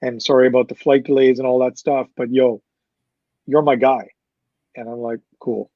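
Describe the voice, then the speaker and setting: A man, a concert promoter, recounts a story in a relaxed interview, acting out what others said and cursing often. His voice sits at an ordinary middle pitch. The sound is dry and a little dull. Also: normal speed, no room sound. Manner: animated anecdote-telling with profanity and quoted dialogue.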